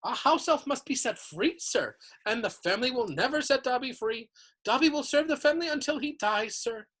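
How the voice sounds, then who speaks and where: A woman reads a story aloud, giving a small, earnest male house elf a high-pitched voice that is humble and overly polite, addressing everyone as sir. Her intonation is lively, her pace moderate, and her tone fairly bright.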